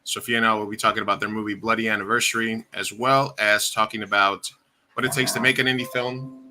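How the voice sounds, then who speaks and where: A man opens his online show with a slangy, upbeat welcome that hypes up his viewers. His voice sits low, yet its tone is strikingly bright and forward. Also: flat delivery, quick pace. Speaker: show host. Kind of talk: casual show intro.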